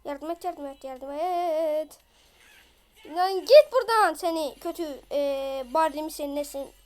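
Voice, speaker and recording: Very high-voiced excitable woman gamer. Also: measured pace, faint music behind. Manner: excitable, yells at opponents, chatty slang. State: voice off from illness. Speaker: gaming video creator. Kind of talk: live gameplay commentary.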